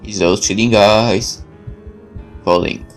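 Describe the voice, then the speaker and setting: A gaming host narrates a visual novel, reading horror fiction aloud in a lowish, steady voice at a slow pace while soft music plays behind. His scripted delivery is theatrical and intense, though he stumbles over words now and then.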